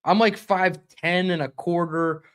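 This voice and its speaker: A young man hosting a live-streamed sports reaction show, talking fast and conversationally and reading out chat comments. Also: sits high, steady tone, clear, resonant tone. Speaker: podcast host.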